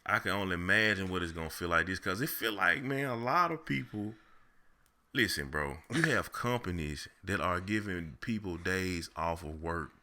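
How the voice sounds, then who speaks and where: A Texan man in casual podcast conversation, his voice sitting fairly low with a bright, forceful edge. He speaks in laid-back slang and tells drawn-out stories. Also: lively intonation, slight background noise. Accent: Texas. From Texas. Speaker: podcast co-host. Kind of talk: casual chat.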